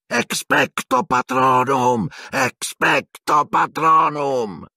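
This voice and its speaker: A man voicing an earnest, shaken teenage boy wizard in an audiobook, pitched well up and urgent. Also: sing-song, moderate pace, husky, dry recording, studio quality, exaggerated voice. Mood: shouting. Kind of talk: audiobook character voice.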